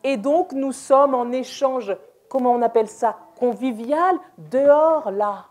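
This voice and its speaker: A woman presenting a deaf ministry workshop in a church, playful and quick to laugh, with hesitant restarts. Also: high voice, a little mellow. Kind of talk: interactive church workshop talk. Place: church hall, indoors.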